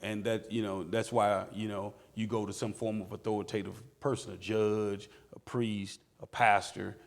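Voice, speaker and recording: Gravelly-edged man in casual conversation. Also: on the low side, flat delivery, moderate pace. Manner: interjecting, questioning, playful. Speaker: pastor, co-host.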